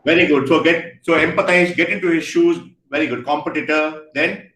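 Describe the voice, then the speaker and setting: An energetic man teaches over a video call in a high, lively voice. He quizzes his listeners and cheers them on. The sound comes from an echoey room with a faint hiss behind him. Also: brisk. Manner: energetic, questioning and praising students. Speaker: guest speaker. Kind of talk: interactive online lecture.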